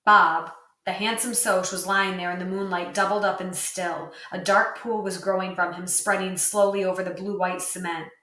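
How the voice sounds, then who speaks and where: A woman reading a novel aloud, telling the story in first person with steady narration. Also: on the low side, normal speed. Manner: steady storytelling narration with lightly voiced dialogue. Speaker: reader. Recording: roomy, distant mic.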